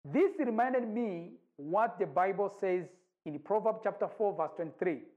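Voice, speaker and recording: A man, an evangelist giving a measured recorded sermon. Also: high-pitched, expressive. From Rwanda. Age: 40s. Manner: measured, deliberate preaching with long pauses. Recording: dull lo-fi recording.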